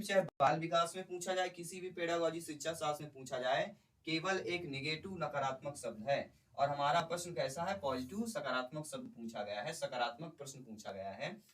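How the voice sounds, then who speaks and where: A man's voice: fairly high pitch, fairly bright tone. A man teaching an exam-prep lesson. He explains each question step by step and keeps asking the class questions. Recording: voice somewhat far from the mic.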